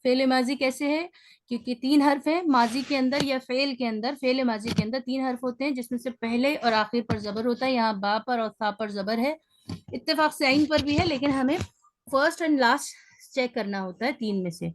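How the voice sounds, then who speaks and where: A woman teaching a beginners' grammar class online, explaining step by step and often checking in with her students. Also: high voice.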